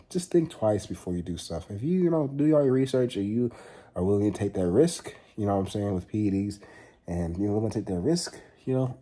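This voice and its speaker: Earnest young man, husky low voice. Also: warm tone. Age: 20s. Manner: earnest, repetitive, swears casually. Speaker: fitness vlogger. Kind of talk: casual vlog talk to camera.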